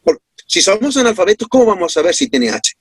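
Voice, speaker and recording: Lively husky man with Andalusian accent. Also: high voice, fast, no room sound. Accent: Andalusian (Córdoba). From Córdoba, Andalusia, Spain. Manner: emphatic, rhetorical questions, lecturing. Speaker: interview guest, researcher. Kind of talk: explanatory interview talk. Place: his home.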